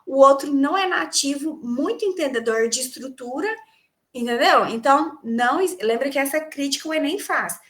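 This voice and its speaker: A woman's voice: sits high, moderate pace. A Brazilian woman teaching an English class, explaining terms and asking her students rhetorical questions. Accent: Brazilian Portuguese. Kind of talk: online class lecture.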